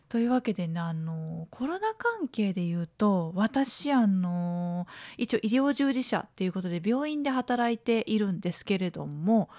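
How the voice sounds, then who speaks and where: Woman around forty, solo podcast chat, playful, very lively pitch, dry close sound. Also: no room sound. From Tokushima, Japan. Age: late 30s to 40s. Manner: lively, playful, acts out quoted lines in a higher voice. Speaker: podcast host.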